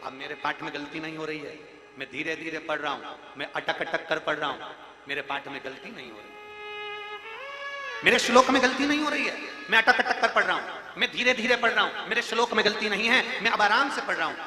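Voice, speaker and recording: A man's voice: on the high side, steady tone, brisk, lightly acted. Man voicing a humble devout temple reader. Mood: earnest. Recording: echoey hall with music behind.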